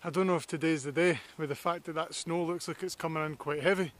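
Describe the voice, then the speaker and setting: This man speaks fast in a slightly high, steady voice with a Scottish accent. He's a landscape photographer vlogging to camera while walking a snowy hillside, sounding both enthusiastic and reflective.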